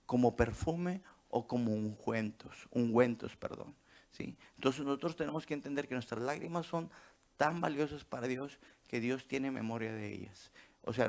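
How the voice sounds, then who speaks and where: A man's voice: medium pitch, vocal fry. A man preaching a sermon as pastor, tossing out rhetorical questions and checking in with the congregation as he goes.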